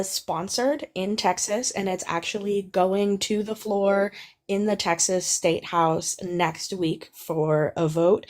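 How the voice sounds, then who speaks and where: A woman volunteer joining a livestream by video call, explaining a campaign in an earnest, upbeat way, her voice echoey and distant. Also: on the low side. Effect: echoey, distant sound from a remote call.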